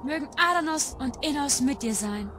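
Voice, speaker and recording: A woman playing a very high young village bride. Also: expressive, normal speed, a bit bright, faint music behind. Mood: overjoyed. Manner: earnest, heartfelt. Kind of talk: fan-mod game voice acting.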